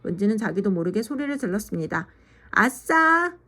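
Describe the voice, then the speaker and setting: Gentle woman reading a children's book. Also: mid-range voice, a little fast. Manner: gentle, steady reading with small slips. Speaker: storyteller.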